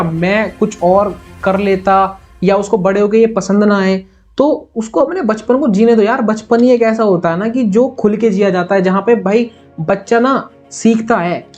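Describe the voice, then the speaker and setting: A man's voice: sits high, darkish tone. Earnest young man in a chatty vlog. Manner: earnest, chatty, constantly says "bhai". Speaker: YouTube reaction host. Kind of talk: casual opinion vlog.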